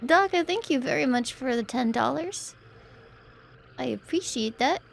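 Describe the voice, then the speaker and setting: A woman with a high, expressive voice and vocal fry speaks a little slowly; a slight hiss or hum sits in the recording. Streaming a horror game, she's jumpy and frightened, talking to viewers and exclaiming as she plays.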